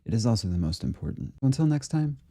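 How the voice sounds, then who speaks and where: A man hosting a conspiracy video series, giving relaxed, rambling commentary on the clips he plays. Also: mid-range voice, quick pace. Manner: rambling and relaxed, with fillers and laughs. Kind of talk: casual commentary reacting to clips.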